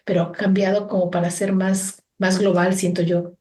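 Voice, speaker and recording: A woman's voice: mid-range voice, level tone, moderate pace, darkish tone. A middle-aged woman from Mexico with a Mexican Spanish accent, talking through her thoughts as an interview guest, with many restarts and fillers. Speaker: guest, organization founder. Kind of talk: reflective interview conversation.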